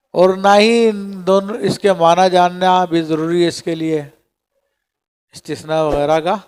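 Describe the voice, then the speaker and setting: This Islamic law class is led by a man whose voice sits high and sounds smooth and a little mellow. Working through a legal text, he reads each Arabic passage aloud, explains it line by line, and frequently asks his students "theek hai?"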